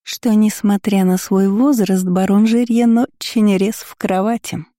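A woman voicing a spiteful young woman who sneers and mocks in a shrill, high voice. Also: fairly even intonation, a little slow, mellow, dry recording, clean studio sound, close to an everyday voice. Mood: gloating.

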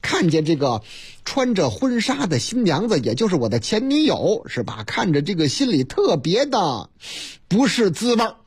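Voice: sing-song, moderate pace, breathy edge, full character voice. A radio host with a Beijing accent voicing a sheepish young man who is talking about his ex-girlfriend's wedding. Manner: low, shrugging mumble.

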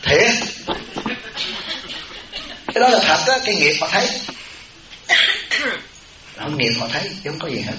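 A Buddhist monk giving a sermon in a temple hall, telling humorous stories and putting questions to the audience. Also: male voice, on the high side, sing-song, a little slow, long pauses. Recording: echoey hall, muffled, audience noise.

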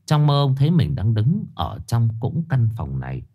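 Husky male ghost story narrator. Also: moderate pace, dull audio. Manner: low, hushed, expressive storytelling.

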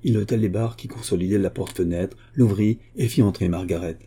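Husky dark-voiced male audiobook narrator. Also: on the low side, brisk. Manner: steady literary reading. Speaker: audiobook reader. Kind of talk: scripted narration.

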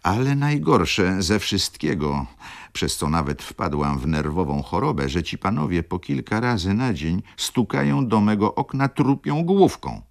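A man's voice: sits low, sing-song, a little slow, vocal fry, pitched above the performer's own voice, full character voice. A man voicing a hysterical aging baroness who wails and exclaims, in a radio reading. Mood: complaining. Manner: wailing, exclaiming.

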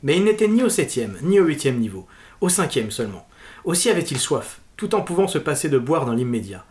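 A man's voice: on the high side, very animated, a little fast, darkish tone. A man reading literary prose aloud as a narrator. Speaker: co-host reading a novel excerpt.

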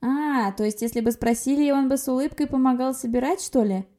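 Brief: a woman playing a cheeky young witch, high and chirpy, flippant, dark-toned. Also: fairly quick, lightly acted. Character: cheeky young witch girl, potion maker, carefree.

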